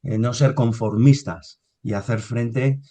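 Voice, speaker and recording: A man's voice: medium pitch, steady tone, takes it slowly, mellow. Hesitant man hosting a podcast. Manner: hesitant, with many fillers and restarts. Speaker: podcast host. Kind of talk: hosting a business videopodcast.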